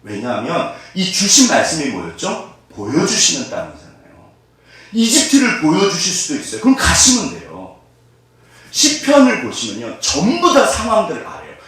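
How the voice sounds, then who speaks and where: A man preaches in a lively voice that climbs high and drops low, keeping the congregation engaged with frequent questions. His voice sits a little higher than most men's. The sound is distant and echoey, picked up from across a reverberant church. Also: moderate pace. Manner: animated, asks the congregation questions. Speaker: pastor. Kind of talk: sermon. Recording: echoey room from far off.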